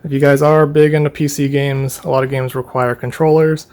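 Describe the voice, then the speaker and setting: A young man giving a casual tour of his bedroom, chatting in a relaxed, rambling way with fillers and small laughs. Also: medium pitch, fairly quick, smooth. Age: young adult. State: running out of breath. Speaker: YouTuber giving a room tour. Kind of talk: casual room tour vlog.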